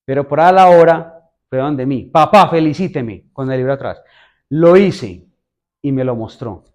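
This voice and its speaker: A man's voice: mid-range voice, normal speed, a little mellow. A man preaching a sermon in a conversational way, often asking the audience questions. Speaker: pastor.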